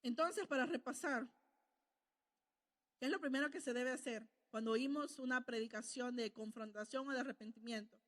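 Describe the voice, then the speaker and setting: A woman's voice: fairly high pitch, moderate pace, fairly bright tone, long reverb tail. A woman preaching a sermon, telling stories and asking the congregation questions she answers herself. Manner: storytelling, asks the congregation questions and answers them.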